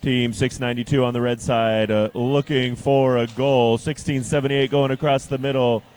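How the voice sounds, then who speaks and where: A man's voice: medium pitch, fairly even intonation, darkish tone, smooth. A man works as a live event announcer in the style of a fighting game announcer. His voice sits in a middle register, with emphatic delivery and play-by-play commentary on the action. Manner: drawn-out, emphatic team-name calls. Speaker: robotics competition game announcer.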